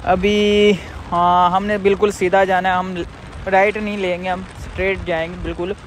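A man's voice: high-pitched, little pitch movement, normal speed, a little hiss or hum, poor audio. A man vlogging as a food delivery rider, chatting casually and repetitively while riding outdoors on a night road. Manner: repetitive, chatty, explains steps plainly.

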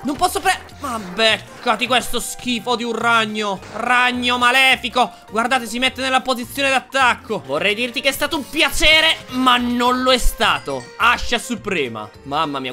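A young man giving excitable gameplay commentary, squealing in disgust at monsters and talking straight to his viewers. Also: very high-pitched, moderate pace, hardly any pauses, faint music behind. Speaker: gaming YouTuber.

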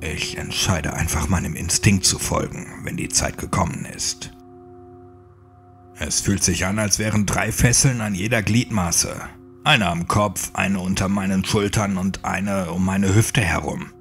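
Man narrating a horror audiobook, low gravelly voice, lively, soft music underneath. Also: unhurried. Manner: low, tense, dramatic. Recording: soft music bed behind.

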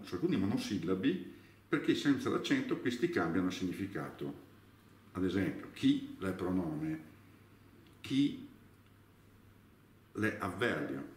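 A man giving a slow dialect lesson, reading out example words one by one. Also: deep voice. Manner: deliberate, spells out examples word by word. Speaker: dialect teacher. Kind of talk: slow spoken lesson, reading out word lists. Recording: echoey room, voice from a distance.

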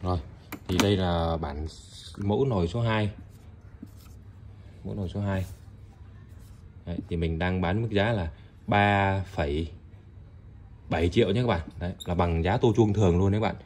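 This online seller of used Japanese rice cookers speaks low and at a moderate pace, with long pauses and a somewhat dark tone against slight background noise. His sales talk is casual and chatty, full of repetition and direct address to the audience, filmed in a tiled indoor room where the goods sit on the floor.

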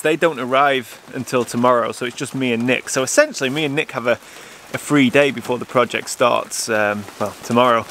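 Man, thirties, excitable vlogger talking to camera, outdoors in pouring rain, loud rain hiss on the mic. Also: mid-range voice. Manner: enthusiastic, chatty, excitable. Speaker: landscape photographer. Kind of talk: casual vlog to camera. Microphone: camera mic, handheld close. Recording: heavy rain noise on the mic. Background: steady rain falling.

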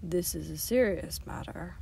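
A stern bearded baron, as a woman reader puts him on, his voice pitched low and deliberate. He speaks slowly, sometimes dropping to a near-hush, in an audiobook reading. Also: gravelly, husky, exaggerated voice. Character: stern bearded middle-aged male baron. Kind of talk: audiobook character voice.

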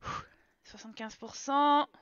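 A woman's voice: high voice, fairly even intonation, unhurried, a bit bright, dry recording, dull audio. A woman streaming a life-sim game from home, chatting casually and talking to her game characters. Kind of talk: casual live gameplay commentary.

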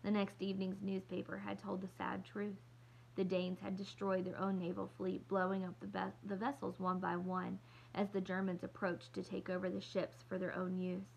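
Woman teacher, read-aloud lesson, explains as she goes, slight fry. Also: mid-range voice, monotone, normal speed, darkish tone, slight background noise, low-quality recording. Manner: stops to explain words and ask for predictions. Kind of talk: reading a novel aloud to students.

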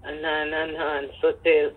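Speaking in patois with a Jamaican accent, an older woman recounts personal stories from her life and performs the dialogue herself. Her low, breathy-edged voice is completely flat and a little slow, heard through narrow, tinny audio.

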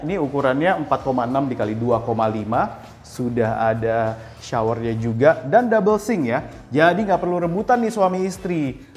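A man presenting a property on a walking house tour, talking upbeat and straight to the viewers. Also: a little high. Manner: upbeat, addresses viewers directly. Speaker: real estate house tour host.

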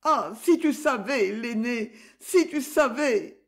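A man's voice: sits high, very animated, slow, darkish tone, exaggerated voice. A man voicing a grieving, desperate young peasant woman of about twenty, in a tearful, pleading, strained voice. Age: about twenty (figure).

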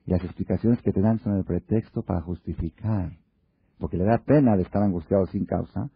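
Male religious lecturer, husky, rhetorical questions, muffled dry lo-fi sound. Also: sits low, brisk, no room sound. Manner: asks many rhetorical questions; acts out little dialogues. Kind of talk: Torah lecture to an audience. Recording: dull lo-fi recording.

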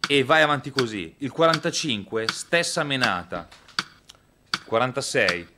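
A man in his thirties, a guitar teacher, speaks in a mid-range voice with lively intonation and a measured pace. He talks casually through a lesson, counting beats and singing rhythms aloud. Loud electric guitar plays behind him.

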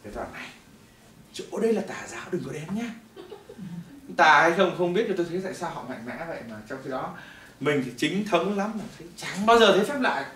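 A middle-aged man tells his testimony in a rapid, animated sermon, swinging between loud and hushed. He is picked up from some distance in an echoey church hall, with faint room noise behind him. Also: fairly high pitch. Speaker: preacher giving testimony.

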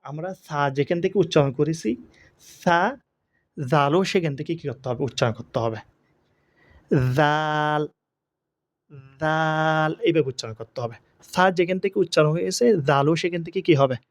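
A man teaching the pronunciation of Arabic letters for Quran reading. He asks questions and answers them himself, and he draws each letter sound out slowly. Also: fairly high pitch, no room sound. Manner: slow, drawn-out letter sounds.

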